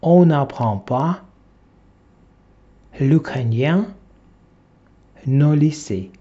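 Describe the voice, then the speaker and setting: A man who teaches languages reads a textbook dialogue in short, separate phrases, pausing at length so students can repeat. He goes very slowly, dictation-style, with an animated, sing-song pitch. The audio is dull and lo-fi.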